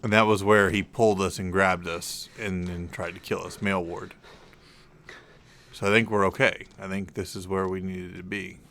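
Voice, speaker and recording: A man's voice: low-pitched, level tone, fairly bright tone, a little hiss or hum. A young man giving casual, rambling commentary while playing a video game, often stopping to correct himself. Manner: rambling, drawn-out, self-correcting. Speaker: let's play gamer.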